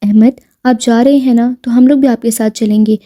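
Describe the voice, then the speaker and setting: A woman's voice: on the high side, steady tone, mellow, dry recording, clean studio sound, natural voice. Woman voicing a loyal fiery wife. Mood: playful. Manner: playful with husband, harsh and angry with police. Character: loving loyal wife, sharp-tongued when angered.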